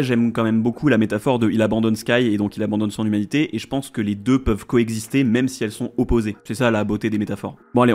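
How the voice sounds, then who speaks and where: Guy talking really fast, slangy casual analysis video, opinionated, normal pitch. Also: a little mellow. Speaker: video essayist.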